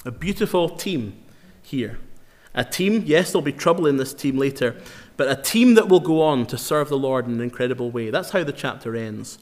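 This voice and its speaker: An earnest man preaching a sermon at a medium pitch. He presses his points hard and slows down to repeat key phrases. His voice rings with a long hall reverb. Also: animated. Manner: earnest, emphatic, with slow dramatic repetitions.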